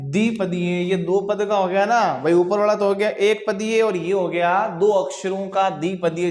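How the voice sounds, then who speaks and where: A man gives a classroom lecture, repeating each definition slowly and putting questions to the class before answering them himself. He talks at an unhurried pace, and the room around him is roomy and echoey. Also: high-pitched. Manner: repeats key phrases slowly, asks and answers own questions. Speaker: coaching teacher. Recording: roomy echo.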